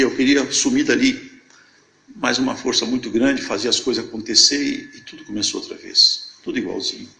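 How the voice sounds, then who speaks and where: Older man with a gravelly voice giving a testimony. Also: mid-range voice, sharp tone, roomy sound, a little hiss or hum, poor audio. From Brazil, Minas Gerais. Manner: storytelling that acts out remembered dialogue. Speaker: church member giving testimony. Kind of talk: emotional church testimony.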